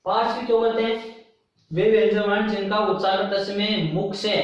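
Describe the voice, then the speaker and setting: High-voiced man teaching in an echoey room. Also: distant mic, lo-fi sound. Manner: repeats terms and counts items aloud. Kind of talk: exam-prep grammar lesson.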